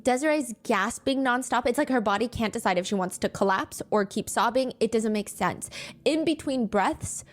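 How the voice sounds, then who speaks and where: A true crime podcast host tells her story conversationally, dropping in asides and light humor. Her voice is fairly high with lively intonation, and she narrates at a normal speed.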